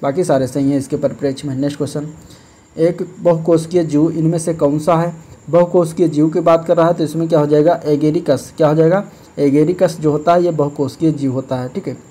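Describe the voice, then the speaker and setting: This exam-prep tutor has a brisk, fairly high voice. He walks through practice test questions one step at a time, keeps his explanations steady, and leans on frequent fillers and a repeated "ठीक है" ("okay") to check in.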